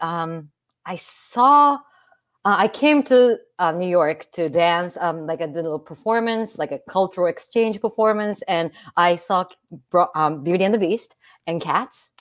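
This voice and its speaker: A woman's voice: on the low side, lively intonation, a little slow. A woman from Japan with a Japanese accent, a guest in a casual interview, friendly and giggly, sometimes searching for words. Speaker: guest performer.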